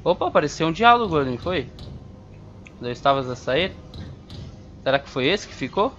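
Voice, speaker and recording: A gamer gives casual, jumpy let's-play commentary on a horror game, talking back to it in slang. His voice is fairly high, fairly bright, very animated and fairly quick. The home recording sounds slightly dull, with faint noise.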